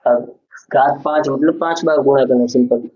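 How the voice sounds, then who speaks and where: Here a man teaches school maths in a warm, mid-range voice with a breathy edge, fairly even intonation and a normal speed. Patient throughout, he asks the students questions and repeats them while explaining every step, all captured on a dull lo-fi recording.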